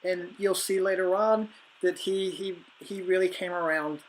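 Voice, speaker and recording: A woman dog trainer calmly explaining her training and patiently encouraging a dog with frequent praise. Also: on the low side, moderate pace, reverberant, recorded from a distance, slight background noise.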